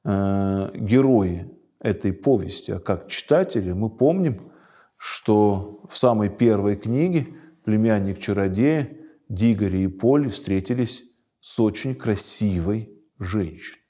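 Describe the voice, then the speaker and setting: Man, religious teacher, reflective commentary, mellow dark tone, hesitant pauses. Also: fairly low pitch. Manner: thoughtful, pauses with hesitation sounds. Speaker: religious teacher reading a book aloud. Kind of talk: reading with spiritual commentary.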